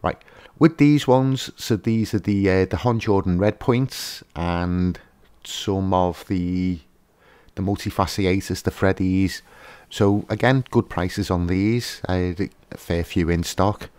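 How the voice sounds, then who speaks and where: A man's voice: low voice, steady tone, takes it slowly, a little mellow, clear, resonant tone, no room sound. A man hosting a fishkeeping channel, giving a casual, hesitant voice-over with lots of fillers and restarts.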